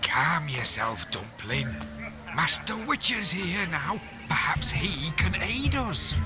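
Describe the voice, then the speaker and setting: A man's voice: fairly high pitch, big pitch swings, slow. An actor playing a mild, long-suffering peasant husband and father in a video game, wry and placating. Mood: wry, soothing. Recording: music behind the voice.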